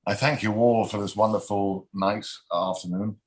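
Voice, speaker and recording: A man reading his poem in a measured way on a livestream, then thanking everyone. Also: on the low side, steady tone, rough recording. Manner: measured, unhurried reading with filler hesitations. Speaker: poet and reading series host. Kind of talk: poetry reading.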